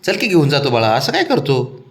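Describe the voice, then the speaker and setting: A man's voice: mid-range voice, wildly swooping pitch, fairly quick. A man coaxing his sulking pet in doting, repetitive baby talk for a casual vlog.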